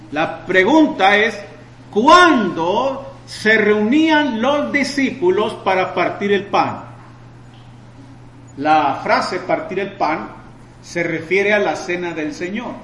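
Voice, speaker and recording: A man preaching a sermon, asking his listeners rhetorical questions and answering them himself, with loud emphatic bursts and quieter explaining stretches. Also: sits high, lively intonation, slow pace, reverberant, a little hiss or hum, poor audio.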